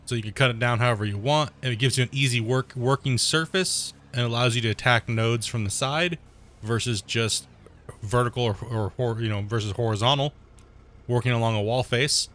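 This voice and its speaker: Brisk, with a medium-pitched voice, a gaming channel host who is ill and losing his voice rambles casually over his gameplay. He explains terms as he plays and reacts to mishaps with excited outbursts.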